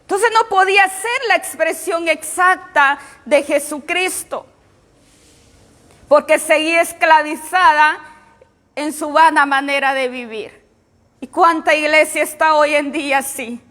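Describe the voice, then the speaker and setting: A woman's voice: sits high, measured pace, a bit bright. A woman pastor preaching a sermon to her congregation, emphatic and repeating her phrases. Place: church. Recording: long hall reverb.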